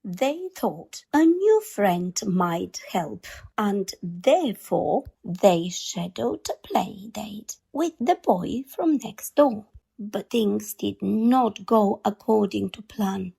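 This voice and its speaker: A woman reads a children's picture book aloud in expressive storytime fashion, giving key words deliberate, dramatic emphasis. Her mid-range voice is gravelly and slightly rough.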